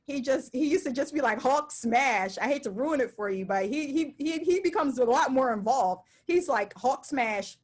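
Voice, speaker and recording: A middle-aged woman preaching a sermon in a conversational, emphatic and animated way. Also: sits high, brisk, few pauses, slightly rough.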